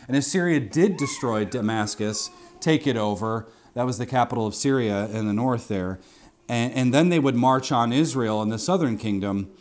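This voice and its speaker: A man preaching an expository sermon in a teacherly way, repeating key phrases for emphasis and checking in with his listeners. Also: mid-range voice. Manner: didactic, with rhetorical questions and asides to listeners.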